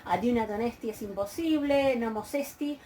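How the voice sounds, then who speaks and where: A woman's voice: fairly high pitch, moderate pace, mellow, slight background noise, low-quality recording. Patient Argentine woman teaching grammar. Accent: Argentine Spanish. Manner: patient, explanatory, frequent hesitations and checking questions. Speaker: university Greek teacher. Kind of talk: recorded online lecture.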